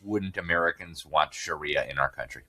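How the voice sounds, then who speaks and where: Male interview host, deep and bright-toned, loose conversational delivery with fillers. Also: moderate pace. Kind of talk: political interview.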